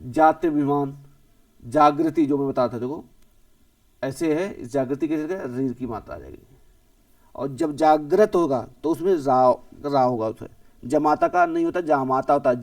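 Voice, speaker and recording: A male teacher drills spelling words one by one and corrects each in the same breath. His voice sits a bit high for a man and is set back from the mic in a dry, dead room. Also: darkish tone, no room sound, far from the mic. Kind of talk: exam-prep spelling lesson.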